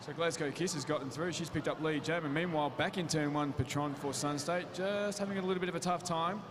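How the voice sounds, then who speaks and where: A man giving brisk play-by-play commentary on a roller derby game. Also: fairly high pitch. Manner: brisk play-by-play, drops quiet and slow for injury stoppage. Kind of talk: live sports commentary. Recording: echoey sports hall, loud crowd ambience.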